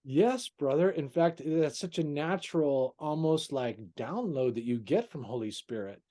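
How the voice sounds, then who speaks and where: A man's voice: on the high side, animated, a little slow, dark tone. A male interview host who talks in an effusive way, praising his guest and calling him brother. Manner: effusive, calls guest "brother", many "you know"s. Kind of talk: casual interview.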